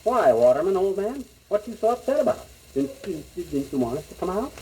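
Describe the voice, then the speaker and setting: A man playing the blustery lead of a 1940s radio comedy, brash and quick to bluster. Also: sits high, very animated, mellow. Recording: crackly old 78 record.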